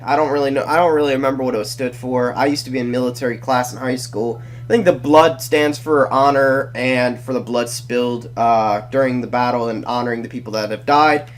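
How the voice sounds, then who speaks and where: With a medium pitch, steady tone, and moderate pace, a young man hosting a Let's Play explains a casual build while stuffed up from a cold. He tends to ramble, backtrack to correct himself, and apologize.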